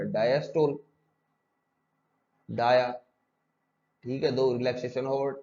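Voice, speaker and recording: A man's voice: mid-range voice, warm tone, lo-fi sound. Man teaching with drilling repetition. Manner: repetitive drilling with rhetorical questions. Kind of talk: exam-prep lecture.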